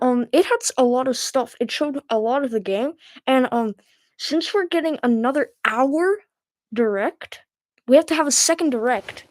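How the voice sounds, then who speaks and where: A woman's voice: high voice, darkish tone, no echo. A woman hosting a casual live reaction stream, speaking informally and a little muffled through a face mask. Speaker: livestream host.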